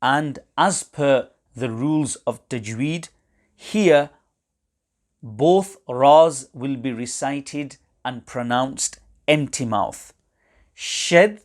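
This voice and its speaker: Slow, careful male recitation teacher. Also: medium pitch, a little mellow. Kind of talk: webinar lesson on recitation rules.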